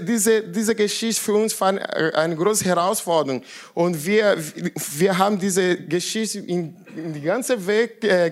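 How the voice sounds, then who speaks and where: A man preaching to a congregation, talking slowly and haltingly as he searches for words. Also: sits high. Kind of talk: sermon to a congregation.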